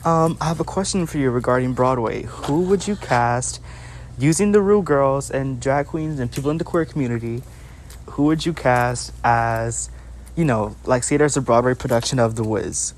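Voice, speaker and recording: A man's voice: medium pitch, normal speed, a little hiss or hum, rough recording. A man from Miami, Florida, leaving a casual question as a fan calling in to a show. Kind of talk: casual listener message.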